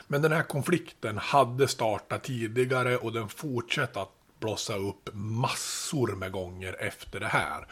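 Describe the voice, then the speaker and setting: A man hosting a podcast, telling history in a relaxed, chatty way with casual asides. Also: on the low side, slightly rough. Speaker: podcast host.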